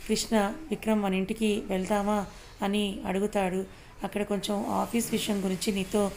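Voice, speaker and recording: A woman reads a serialized story aloud in a steady storytelling voice. Her pitch stays flat and even, with little rise and fall. She folds the characters' lines into the same plain reading. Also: a little hiss or hum. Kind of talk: read-aloud story narration.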